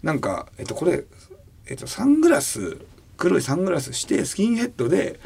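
A man co-hosting a casual radio talk show, telling a story and teasing his comedy partner, getting loud and laughing as he goes. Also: high voice, huge pitch swings, a little fast, creaky, husky. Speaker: comedy duo member, radio host.

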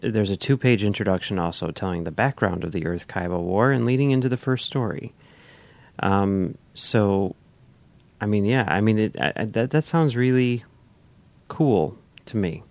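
A man's voice: lowish voice, expressive, normal speed, a little mellow, no room sound. A man co-hosting a casual podcast discussion, talking in a hesitant way with many restarts. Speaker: podcast co-host.

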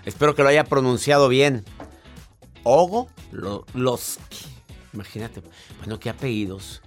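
A man's voice: mid-range voice, fairly quick, fairly bright tone, soft background music. A man hosting a radio show in a chatty, joking way. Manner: chatty and joking, playfully acting out couples. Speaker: radio host. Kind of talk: casual radio chat.

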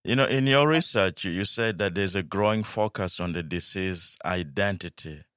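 A man's voice: low-pitched, moderate pace, clear, resonant tone, dry recording, clean studio sound. A man hosting a podcast interview, asking questions with short agreeing interjections. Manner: warm interviewer, brief backchannels and laughs. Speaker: host.

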